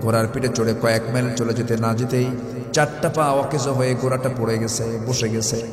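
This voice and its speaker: A man preaching a sermon with fervent storytelling that rises to loud, emphatic peaks. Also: mid-range voice, steady tone, fairly quick, faint music behind. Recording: echoey hall reverb.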